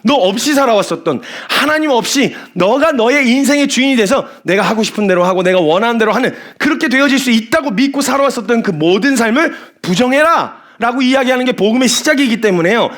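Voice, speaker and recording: A man preaching a sermon as a missionary, animated, laughing often and acting out the people he describes. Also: extremely high pitch.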